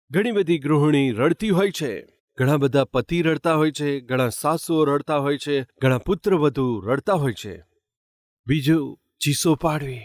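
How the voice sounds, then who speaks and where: A man's voice: on the high side, dry recording, clean studio sound. A man preaching a sermon as pastor, asking his listeners rhetorical questions. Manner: asks the congregation rhetorical questions.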